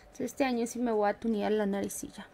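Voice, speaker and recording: A woman's voice: medium pitch, steady tone, fast talker, warm tone. A Mexican woman streamer chatting casually with her live viewers in a playful, chatty way, laughing often and humming little tunes. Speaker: game streamer.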